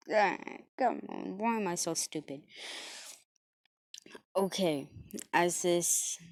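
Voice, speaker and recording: A woman rambling through an improvised fan story, halting and correcting herself with fillers and apologies. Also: low voice, no echo.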